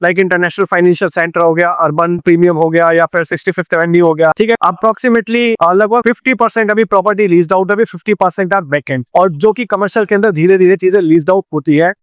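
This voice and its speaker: High-voiced Indian man explaining property deals. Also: brisk, few pauses, clear, resonant tone, dry recording. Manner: Hindi mixed with English phrases, frequent "you know" and "theek hai". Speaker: real estate channel founder presenting a project.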